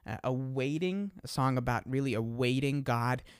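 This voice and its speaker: The host of a laid-back podcast, a young adult man, speaks at normal speed in a clean, mid-range voice. It's a dry, clean studio recording made on a desk microphone. He keeps things easygoing, laughing at himself and leaning heavily on fillers.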